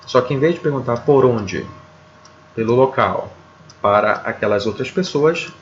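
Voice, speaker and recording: A Brazilian man teaches a video grammar lesson at an unhurried, careful pace, repeating himself and pausing to check that students follow. His voice sits at an ordinary middle pitch. The recording is slightly dull, with faint noise behind him. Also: animated. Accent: Brazilian Portuguese. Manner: slow, deliberate, repeats words, checks in with "tá?". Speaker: English teacher.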